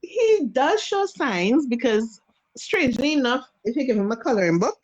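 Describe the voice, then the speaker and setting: Over dull audio, a woman from Trinidad and Tobago in her thirties talks at a moderate pace in a voice that sits high. She is a guest face and body painter in a casual video call interview, with a Trinidadian accent. She tells animated stories and acts out small quotes.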